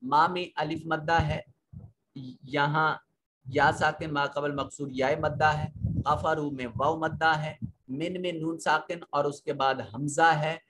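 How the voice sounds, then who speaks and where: A man with a Pakistani Urdu accent teaching a recorded Quran lesson, patiently explaining tajweed rules and slowly reciting verses. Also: fairly high pitch, fairly even intonation, fairly bright tone, slight background noise.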